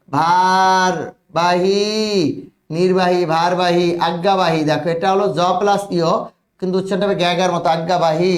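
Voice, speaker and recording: A man's voice: sits high, a little mellow, reverberant. A man teaching a spelling lesson online, repeating words and often checking that students follow.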